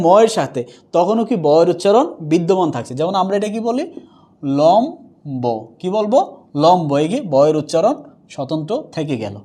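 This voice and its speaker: A male teacher giving a pronunciation lesson, asking questions and answering them himself, and saying example words slowly more than once. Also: high voice, warm tone.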